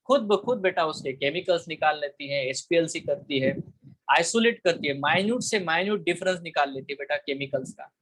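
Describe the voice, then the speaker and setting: An Indian man with a slightly raised pitch leads an online biology class. He moves between Hindi and English in a coaxing teacher's manner, calls students "beta" and keeps checking whether they are clear. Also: fairly bright tone, rough recording. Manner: asks the class frequent check questions.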